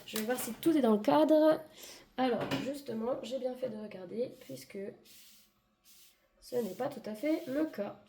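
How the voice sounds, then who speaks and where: An echoey, noisy room carries a woman's fairly high voice as she improvises a card reading. She is hoarse, her voice giving out, and she talks casually, feeling her way through each thought with reassurance. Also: measured pace, dark tone. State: hoarse voice giving out, clearing throat. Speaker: tarot and oracle card reader. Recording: echoey room with clear background noise.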